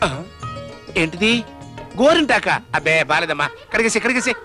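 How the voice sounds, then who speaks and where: A doting, fussy rich father with a bright, rather high voice. He coaxes his daughter fondly and gives in to every wish, with soft music in the background. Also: big pitch swings, moderate pace, exaggerated voice. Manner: fond, fussing, then giving in. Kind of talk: film comedy acting.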